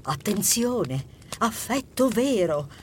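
An actress playing a gentle, wise woman at Santa's side who gives calm advice. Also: mid-range voice, takes it slowly, a little hiss or hum. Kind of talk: audiobook character voice.

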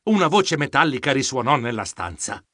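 A man narrating a children's adventure audiobook in the first person, with theatrical, expressive delivery. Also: medium pitch, a little fast.

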